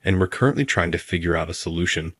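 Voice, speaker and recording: A man's voice: low-pitched, quick pace, fairly bright tone, husky, dry recording. A man voicing a troubled, apologetic staff member explaining a problem hesitantly. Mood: flustered.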